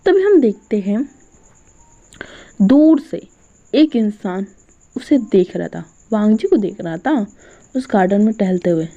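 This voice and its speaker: A woman's voice: medium pitch, animated, unhurried, long pauses, warm tone, highs cut off. Chatty woman retelling a story. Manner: chatty, filler-heavy retelling. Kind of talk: casual story explanation.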